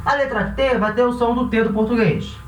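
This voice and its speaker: A man teaching a language class who talks patiently and repeats each word slowly, often checking in with his students. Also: very high voice, steady tone, recorded from a distance. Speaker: Spanish teacher. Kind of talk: classroom lesson. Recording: roomy, dull sound from off mic with faint hiss.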